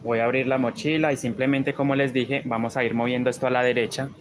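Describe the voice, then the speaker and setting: A man's voice: medium pitch, little pitch movement, fast talker, slight background noise. A man with a Colombian paisa accent teaching crochet on a live stream, chatting and reading viewer comments as he works.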